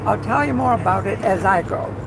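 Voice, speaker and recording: Rough-voiced woman with a Texas-style twang. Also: medium pitch, brisk. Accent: Texan-like twang. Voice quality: rough, pushed voice. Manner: rambling, excited, chatty. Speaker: truck driver livestreamer. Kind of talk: casual livestream chat. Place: inside a moving truck cab. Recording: loud vehicle and road noise. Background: engine and road noise.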